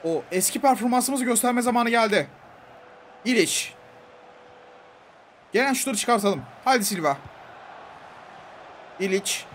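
Young man, very high voice, excitable gameplay commentary, faint noise behind. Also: unhurried, long pauses. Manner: excitable, pleads with the coach, shouts at the referee. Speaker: gaming YouTuber.

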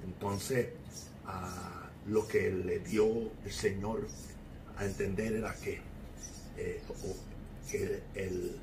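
A male host solemnly reflecting on a voice message he has just played to his listeners. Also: deep voice. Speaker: host and preacher. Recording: distant mic with noisy background.

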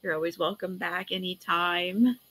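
A woman hosting a casual author interview, bubbly and quick to laugh. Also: fairly low pitch, steady tone, fairly bright tone, dry recording. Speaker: podcast host and fantasy author.

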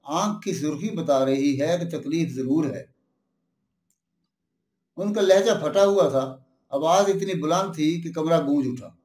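A man reading a literary short story aloud in a measured, expressive way. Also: fairly high pitch, roomy sound. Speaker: story reader.

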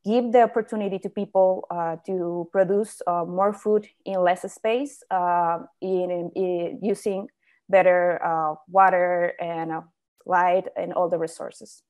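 A young woman, giving a slide presentation over a video call, pausing often on fillers and restarting her sentences. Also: lowish voice, steady tone, a little mellow. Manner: hesitant, many fillers and restarts. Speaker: invited speaker on indoor farming.

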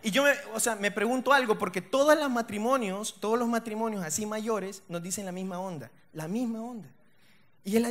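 A young man with a Salvadoran accent performing a stand-up comedy set, slangy and punchy, tossing loud asides to the crowd. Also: sits high. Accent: Salvadoran Spanish. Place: comedy stage before a live audience.

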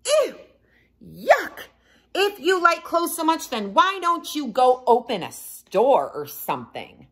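A pack of sneering, sarcastic mole rats from a picture book, voiced by a woman reading aloud, mocking in a shrill, exaggerated tone. Their lines come out slow and pushed high with scorn. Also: wildly swooping pitch, a bit bright, heavily acted.

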